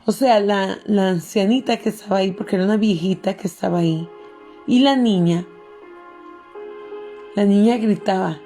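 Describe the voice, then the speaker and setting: A woman's voice: medium pitch, moderate pace, pauses often, warm tone, soft background music. A middle-aged woman pastor, telling a personal story in an earnest sermon and calling her listeners beloved.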